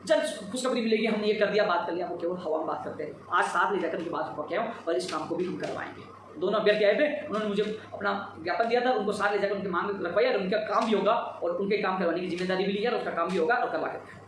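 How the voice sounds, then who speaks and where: A man's voice: high voice, fast talker, fairly bright tone, very echoey, far from the mic, slight background noise, poor audio. A tired man giving an emphatic, repetitive live update to followers on recruitment demands. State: tired after a long day. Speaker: job-seeker advocate giving updates.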